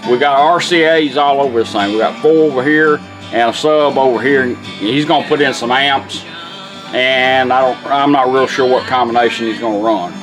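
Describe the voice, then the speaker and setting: At his workshop bench, a middle-aged man who restores car radios shows off a product in a folksy, plainspoken, casual way, like a repairman. He speaks at normal speed in a mid-range voice while the demonstrated radio plays music in the background.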